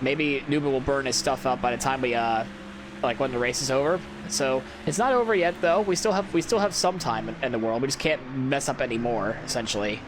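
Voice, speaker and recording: A man's voice: mid-range voice, fairly quick. A sleepy, tired man giving casual let's-play commentary, self-critical and rambling with many restarts. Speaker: gameplay commentator. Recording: loud game engine noise behind. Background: racing game engine noise.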